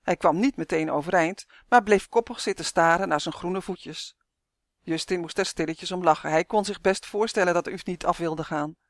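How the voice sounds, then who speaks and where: A woman narrating a children's fantasy story in a measured, expressive way. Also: on the low side, no room sound, studio quality.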